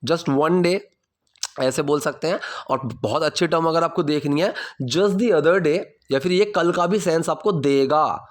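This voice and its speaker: Man, Indian accent, English teacher, a bit high-pitched, casual lesson, slow careful examples. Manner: slow, careful model phrases; checks in often with "theek hai?".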